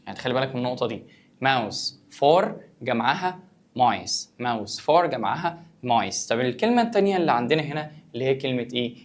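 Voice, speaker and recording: A male English teacher with an Egyptian Arabic accent goes through vocabulary for students, asking and answering his own questions conversationally. His medium-pitched voice has lively intonation, and he talks very fast with few pauses.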